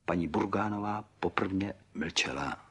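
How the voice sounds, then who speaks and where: Husky, low-voiced male narrator. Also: a bit bright. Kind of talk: audiobook narration.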